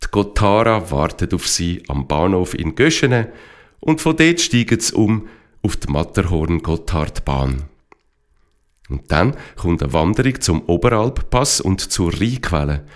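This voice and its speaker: Slow, lively storyteller man. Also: low-pitched. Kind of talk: children's story narration.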